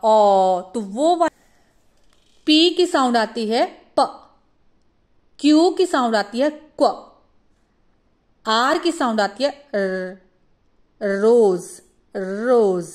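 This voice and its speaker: A woman teaching a phonics lesson for parents, demonstrating each letter sound slowly. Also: high-pitched, expressive.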